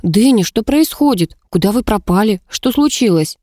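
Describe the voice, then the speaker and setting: A woman's voice: mid-range voice, lively intonation, moderate pace, warm tone, no echo, clean studio sound, lightly acted. A woman reading an audiobook, voicing a worried young female friend who asks question after question. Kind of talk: audiobook narration.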